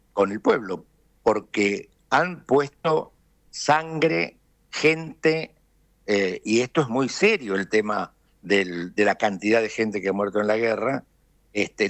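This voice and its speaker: An Argentine businessman being interviewed, explaining his views deliberately and filling pauses with frequent hesitations. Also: on the low side, no room sound. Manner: deliberate, thinking aloud with frequent "este" fillers. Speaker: businessman guest. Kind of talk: conversational interview analysis.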